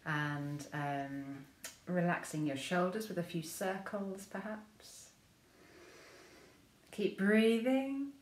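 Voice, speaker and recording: An English woman leading a memory choir through gentle vocal warm-ups, speaking softly and encouragingly with frequent ums. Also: fairly low pitch, slow, long pauses, reverberant, slight background noise. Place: room at home with rain on the window.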